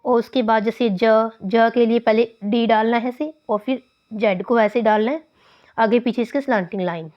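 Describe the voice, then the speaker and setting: A woman's voice: fairly high pitch, moderate pace. A woman teaching phonetics step by step, drawing out example words and calling her viewers "guys". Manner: explains step by step, calls listeners "guys", stretches example words. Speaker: English teacher. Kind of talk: phonetics lesson. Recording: dull lo-fi voice recording.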